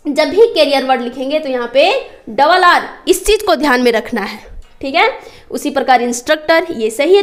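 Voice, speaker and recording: Young woman teacher, high voice, keeps asking the class questions, spells stuff out slow. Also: a bit bright. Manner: constantly quizzes students, checks understanding. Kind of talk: classroom lesson.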